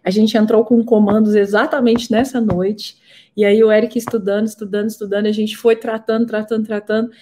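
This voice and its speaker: A woman giving a personal testimony in a talk, an animated storyteller who repeats words for emphasis. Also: medium pitch, brisk, noisy background. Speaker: therapy co-creator and instructor.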